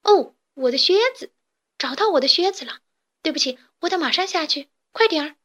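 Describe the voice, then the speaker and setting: A woman's voice: fairly high pitch, lively intonation, moderate pace, fairly bright tone. A woman voicing a cheerful young male alien chick in a storybook, chirpy, eager and a little proud. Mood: lively. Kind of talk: storybook character voice.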